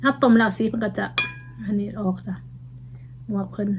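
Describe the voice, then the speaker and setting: A woman's voice: mid-range voice, little pitch movement, moderate pace, noisy background. A woman with an Isan Thai accent chatting casually for her vlog while she eats, humming as she tastes the food. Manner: chatty, tasting food with murmured hums. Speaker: vlogger.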